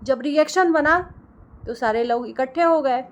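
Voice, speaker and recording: A woman's voice: sits high, normal speed, dull audio. A woman reaction creator delivering a heated, scolding rant and repeating phrases for emphasis.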